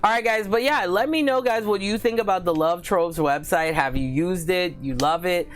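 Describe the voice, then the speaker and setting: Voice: mid-range voice, normal speed. A book vlogger hosting a casual live stream, talking in a chatty, gushing way, full of fillers and calling viewers guys. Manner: giggly and gushing. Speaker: book reviewer and channel host.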